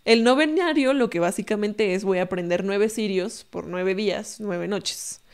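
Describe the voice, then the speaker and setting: A young woman with a Mexican accent tells a story in a relaxed conversation. She keeps it animated, often tags her lines with a questioning "¿no?", and acts out the people she quotes. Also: medium pitch, a little slow, smooth. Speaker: podcast guest storyteller. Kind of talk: casual storytelling.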